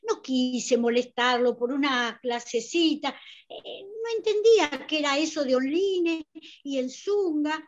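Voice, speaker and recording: Woman voicing elderly mother, Rioplatense accent, rambling, hesitant, high-pitched, muffled lo-fi audio. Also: animated, a little slow. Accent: Rioplatense Spanish. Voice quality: rambling, hesitant with many fillers. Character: chatty elderly mother Monona, pleading and rambling. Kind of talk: amateur theatre play over video call.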